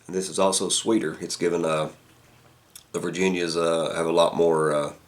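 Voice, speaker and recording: A man giving a casual product review, halting as he thinks aloud. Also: low voice, level tone. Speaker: pipe tobacco reviewer.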